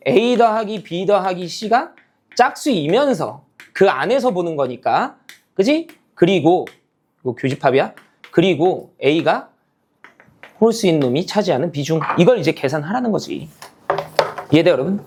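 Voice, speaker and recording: Guy teaching math, keeps asking "okay? got it?", really expressive up-and-down voice. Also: high voice. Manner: checks in constantly with students, rising "okay?" and "got it?"; casual, talks down to students' level. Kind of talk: classroom lecture.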